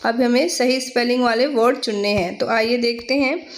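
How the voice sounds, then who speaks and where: An Indian-accented woman prepares students for exams by spelling English words letter by letter, periodically asking "theek hai." She has a fairly high pitch and a moderate pace.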